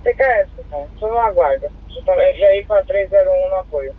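A Brazilian man answers briefly as a patrol officer on police radio. His voice is high for a man. The two-way channel sounds thin and phone-like. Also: lively intonation, a little fast, a little hiss or hum. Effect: two-way radio transmission. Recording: tinny narrow-band police radio.

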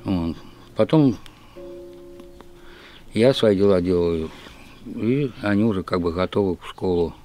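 A man's voice: deep voice, unhurried, pauses often, dark tone, soft background music. A middle-aged man from Russia talking plainly and matter-of-factly about his daily routine, outdoors in a village yard. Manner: plain, matter-of-fact, folksy. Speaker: village father, interviewee. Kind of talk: casual chat.

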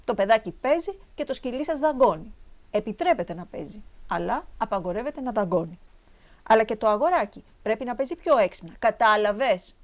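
A woman's voice: fairly high pitch, animated, close to an everyday voice. A woman voicing a firm male park guard who lectures a dog owner, in a storybook reading. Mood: stern.

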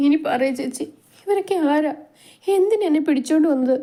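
A woman voicing a frightened young woman who begs tearfully in a high, panicky voice. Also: normal speed, creaky, a little mellow.

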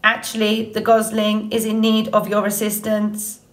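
A woman voices a friendly robot character in an audiobook, keeping her speech formal, measured, and earnestly polite with no contractions. Her mid-range voice is monotone and only lightly acted.

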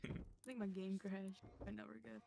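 A woman's voice: mid-range voice, level tone, moderate pace, background noise. A woman chatting in a gaming voice call, swearing freely and rambling through corrections. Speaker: teammate in voice chat. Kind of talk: casual voice chat while gaming. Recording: clear game music behind the voice.

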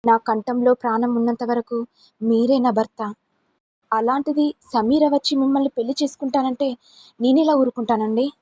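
A woman's voice: on the high side, steady tone, normal speed, warm tone, no echo, lightly acted. A woman voicing a pleading young wife. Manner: pleading, polite.

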